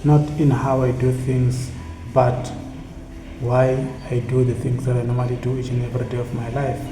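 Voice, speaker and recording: A South African man whose first language is Tsonga, founder of a community initiative, gives a reflective motivational monologue. His mid-range voice is flat and earnest, and he speaks haltingly, repeating phrases. The room is echoey with steady background noise.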